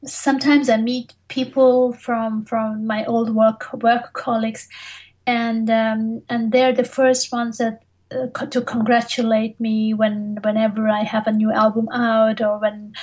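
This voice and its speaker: A woman's voice: fairly high pitch, darkish tone, poor audio. A woman speaking reflectively as an interview guest, hesitant and often searching for words. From Tibetan, living in Europe. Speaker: interview guest, mantra singer.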